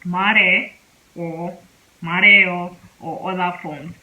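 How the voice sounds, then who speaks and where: A woman teaching a casual spoken lesson, speaking slowly and repeating example words several times. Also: lowish voice, steady tone, narrow, tinny audio. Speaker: Korean language teacher.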